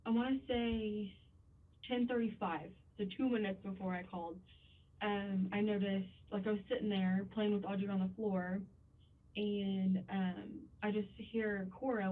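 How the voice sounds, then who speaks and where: A woman's voice: medium pitch, steady tone, measured pace. Woman babysitter in a police interview, lots of ums and likes, tinny far-off sound. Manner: hesitant, filler-heavy, many likes and ums.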